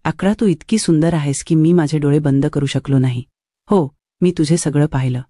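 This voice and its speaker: A woman's voice: low voice, moderate pace, warm tone, no echo, studio quality. A woman voicing a rude rich young man who talks to her in a stern, ordering tone. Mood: intimate.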